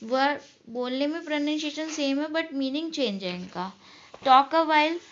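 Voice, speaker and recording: Woman teacher, high voice, explains step by step, reads English lines slowly, dull lo-fi sound. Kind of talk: class lesson explaining a textbook unit.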